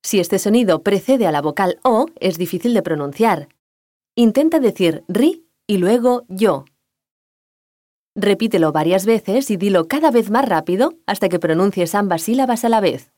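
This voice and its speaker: A woman giving a scripted language lesson, explaining pronunciation clearly and calmly. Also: medium pitch, normal speed, dry recording, studio quality. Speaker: language teacher.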